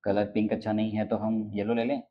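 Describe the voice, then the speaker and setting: A man's voice: lowish voice, completely flat delivery, fairly quick. A male teacher giving a classroom lecture, playfully teasing his students, prompting them to answer and chanting letters in rhythm. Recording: tinny phone-like sound.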